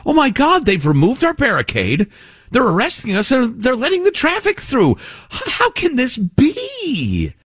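A man's voice: extremely high pitch, wildly swooping pitch, a little slow, a bit bright, husky, no room sound, studio quality, voice pushed up, full character voice. A man voicing a whiny, childish environmental protester, wailing in outraged disbelief.

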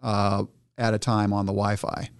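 A man's voice: lowish voice, moderate pace, smooth, no echo. A man telling a story in casual conversation, animatedly acting out the people he quotes. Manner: animated, acts out quoted voices. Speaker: guest entrepreneur.

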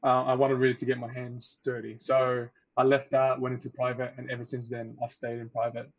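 A man in his twenties, an oral health therapist from Egypt, talking casually as a podcast guest with a relaxed, chatty manner and easy laughter. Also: medium pitch, brisk. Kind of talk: casual interview. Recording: dull lo-fi audio.

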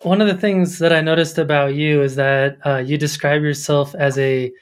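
A man's voice: fairly high pitch, fairly even intonation, moderate pace, clear, resonant tone. A man hosting a photography podcast, talking casually with lots of fillers and restarts. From Colorado. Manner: chatty, many fillers and restarts. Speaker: podcast host. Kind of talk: casual interview.

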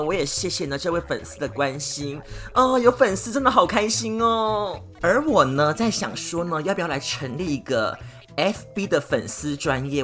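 A woman's voice: low voice, a bit bright. A woman hosting a solo podcast, chatting to her listeners and stretching out little filler particles. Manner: chatty, many drawn-out filler particles, addresses listeners directly. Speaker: podcast host.

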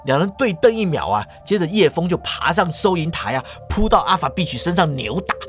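A man narrating a comic story in a lively, chatty way, stretching his sentence particles. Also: a little high, fairly quick, over music.

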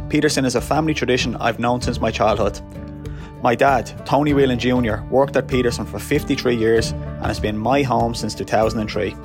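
A man reading a scripted advertisement in a measured, formal manner. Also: medium pitch. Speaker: ad spokesman. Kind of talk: scripted ad read. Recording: ad over guitar music.

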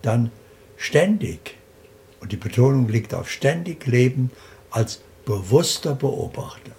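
Gravelly, deliberate man explaining. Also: medium pitch, animated, warm tone. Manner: slow, deliberate, explaining in lists. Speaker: interview guest. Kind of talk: calm spiritual interview talk.

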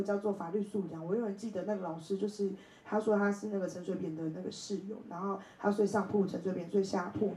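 A woman's voice: mid-range voice, reverberant, poor audio. Woman, 30s, chatty storytelling talk at a bookstore, laughs a lot, voice bounces around the room. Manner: animated, laughs often, acts out quoted voices. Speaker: invited speaker. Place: bookstore event space.

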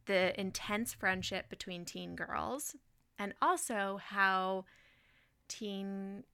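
Bright, crisp-voiced woman chatting about books. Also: mid-range voice, no room sound, studio quality. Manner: enthusiastic, laughs often. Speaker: podcast co-host. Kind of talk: casual book chat.

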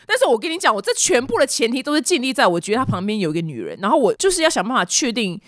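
A young woman with a Taiwanese Mandarin accent, telling a story in animated chat as a show host and acting out the voices of the people in it. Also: a little high, racing, dry recording, clean studio sound. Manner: dramatic, acts out quoted voices.

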